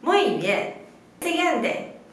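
A woman with a Chinese accent teaching a beginner Mandarin pronunciation lesson in slow, imperfect Spanish, modeling syllables for students to repeat. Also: high-pitched, big pitch swings, a bit bright. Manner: slow, patient, with non-native Spanish grammar; models syllables in clear, drawn-out repetitions. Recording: very echoey room.

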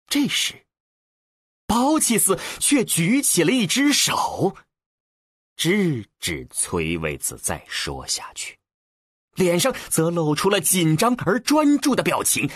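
A man narrating an audiobook with an expressive, deliberate storyteller's delivery. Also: high voice, husky, no echo, studio quality.

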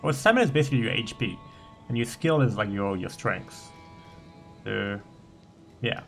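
A man's voice: lowish voice, animated, normal speed, vocal fry, fairly bright tone, faint music behind. A man playing through a gamebook and thinking aloud, hesitant as he mulls over his choices. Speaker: player.

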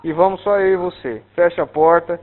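A man's voice: on the high side, fairly quick. Brazilian male dispatcher over a tinny phone line. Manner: directive, reassuring, repeats instructions. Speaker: emergency medical dispatcher on a call. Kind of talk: over-the-phone emergency instructions. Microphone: telephone call. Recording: tinny, narrow-band telephone line.

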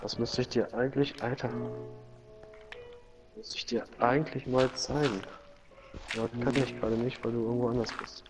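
A man chatting easily while playing a game, slangy and quick to cheer his finds. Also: mid-range voice, steady tone, music in the background. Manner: easygoing, slangy, exclaims over finds. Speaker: Let's Play commentator. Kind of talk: casual gaming chat.

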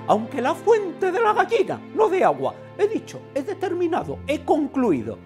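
A man's voice: wildly swooping pitch, normal speed, faint music behind, full character voice. A man playing a pompous, tyrannical medieval lord who rants and stammers when flustered. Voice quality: stammering, shrill. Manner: pompous, ranting, easily flustered.

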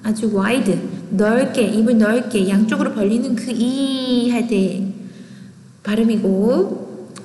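A woman teaching English pronunciation in an online lecture, chatty and lively, often asking questions and answering them herself. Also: a little high, unhurried. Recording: echoey room with long reverb.

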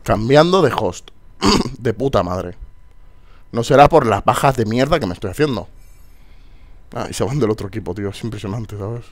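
A young man commentating his online shooter match, foul-mouthed and exasperated, bursting into shouts. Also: lowish voice, expressive, normal speed, long pauses. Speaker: gameplay commentator. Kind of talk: casual gameplay commentary.

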